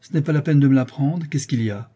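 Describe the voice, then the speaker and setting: A man voicing an imperious, shrill noble countess who speaks in a piercing head voice, in an audiobook reading. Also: fast talker, dark tone, husky, lightly acted. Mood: imperious, impatient. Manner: haughty, impatient, commanding. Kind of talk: audiobook character voice.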